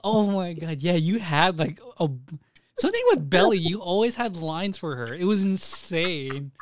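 A man's voice: high voice, lively intonation, moderate pace, noisy background. A man co-hosting a podcast in casual chat, laid-back and swearing freely as he reads names off a list. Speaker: podcast co-host.

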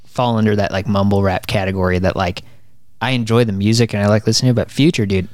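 A man's voice: on the low side, fast talker, no room sound. A man co-hosting a casual podcast album review, rambling and swearing with lots of fillers. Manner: animated, profane, rambling with fillers. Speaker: podcast co-host.

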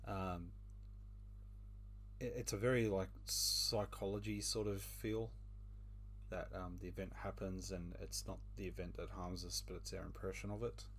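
A man with a low voice talks through ideas from a reading in a relaxed group chat. He muses slowly, with lots of "you know" and "um". A faint hum sits under his voice. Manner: thoughtful, hesitant, many fillers. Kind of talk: casual book discussion.

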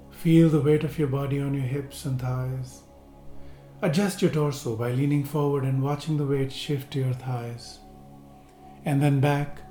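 A man guiding a seated relaxation and breathing meditation, giving slow, calm, gentle instructions with long pauses. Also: medium pitch. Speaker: meditation guide. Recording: roomy echo with faint music.

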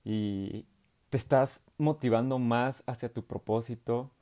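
Young Mexican man, youth preacher, casual slangy sermon, animated delivery. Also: medium pitch, measured pace. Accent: Mexican Spanish. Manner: animated, slangy, laughs often.

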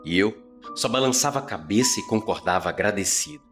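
A man narrating a scripted story podcast as its host, with a measured, theatrical delivery. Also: on the low side, animated, a bit bright, faint music behind. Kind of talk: dramatic first-person scripted narration.

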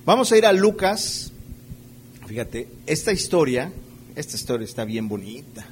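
A pastor delivers a conversational sermon in a mid-range voice with big pitch swings, at a moderate pace. He checks in with listeners through rhetorical questions and playfully acts out everyday scenes. A little hiss or hum sits under the recording.

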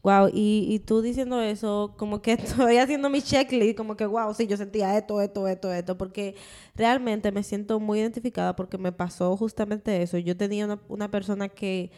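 A woman's voice: medium pitch, steady tone, brisk, mellow. Earnest woman testifying about forgiveness. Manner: earnest, frequent affirmations. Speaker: podcast co-host.

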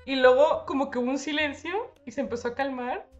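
Young Mexican woman, high-voiced, animated storyteller, casual podcast chat. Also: a little fast, dull audio, soft background music. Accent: Mexican Spanish. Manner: animated storytelling with slang and English mixed in.

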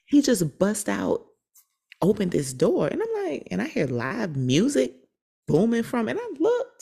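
An American woman co-hosting a podcast, chatting casually and telling anecdotes in an animated way, acting out what people said. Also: a little high, unhurried, creaky, slightly rough. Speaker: podcast co-host.

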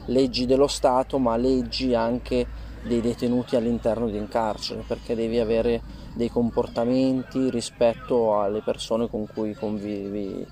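A man giving informal, halting testimony as an interview guest outdoors, rephrasing as he goes, his voice slightly muffled by a face mask. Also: mid-range voice, flat delivery, dark tone. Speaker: interview guest telling personal experience. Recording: faint outdoor ambient noise. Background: outdoor ambient noise.

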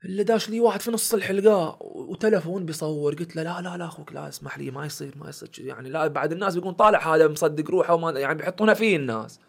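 This young Bahraini guest, a comedian and content creator, talks fast in a casual podcast, telling stories and animatedly acting out the exchanges he quotes. He has a Bahraini village accent and a creaky voice that sits on the high side.

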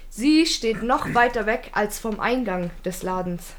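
A woman's voice: fairly high pitch, lively intonation, measured pace, a little hiss or hum. A young woman, animatedly telling a funny, embarrassing story in casual chat, laughing often.

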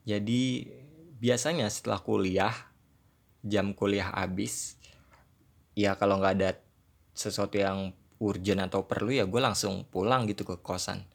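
A man's voice: fairly low pitch, gravelly. A man in his twenties with a South Jakarta accent tinged with Javanese, chatting casually in a solo podcast in self-deprecating, rambling Jakarta slang sprinkled with English. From Indonesia, South Jakarta. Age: 20s. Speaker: podcast host.

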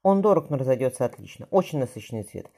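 A hearty middle-aged merchant who praises and reassures his guest, as a reader puts him on. The tone is mellow and dark, and he talks at a brisk pace. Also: a bass voice, big pitch swings, slightly rough, exaggerated voice. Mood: genial. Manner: genial, sincere.

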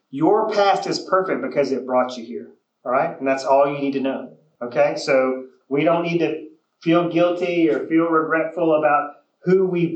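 A man coaching a group of real estate agents in a training session. He speaks directly and keeps checking in with the room for agreement. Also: fairly high pitch. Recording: echoey room.

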